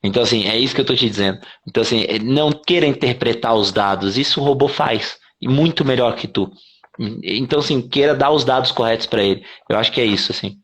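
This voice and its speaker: A man from Brazil, a company CEO, talking casually in an interview, quick and animated, swearing freely and acting out what clients say. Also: medium pitch. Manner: fast, animated explaining with swearing and acted-out quotes.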